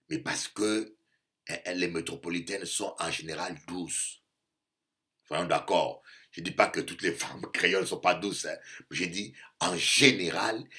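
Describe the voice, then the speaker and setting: A low-voiced African man preaches a sermon as a bishop. His style is animated, full of repeated phrases for emphasis, and he often performs the voices of others.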